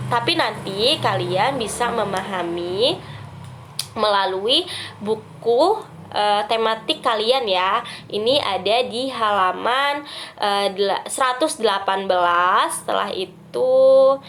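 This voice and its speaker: A woman teacher giving a class lesson, sounding stuffed up and nasal from a cold and pausing often with fillers. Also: mid-range voice, fairly bright tone, slight background noise. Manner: hesitant, many fillers.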